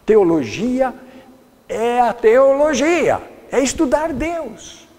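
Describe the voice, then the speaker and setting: Older male pastor, folksy and rambling sermon delivery, high lively voice. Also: takes it slowly, in a large hall. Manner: folksy, rambling, searches for words. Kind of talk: sermon lecture.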